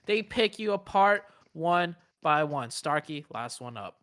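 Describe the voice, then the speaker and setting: A man giving analytical esports commentary in an explanatory, measured way with some fillers. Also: a little high, lively intonation, fairly bright tone. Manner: explanatory, measured, uses fillers like you know.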